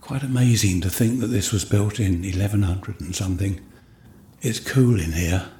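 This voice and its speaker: Holding a microphone as he wanders, the English vlogger from West Sussex keeps up a chatty, rambling commentary, thinking aloud as he goes. His pitch is fairly low, his tone warm and his pace moderate, over a faint hiss or hum.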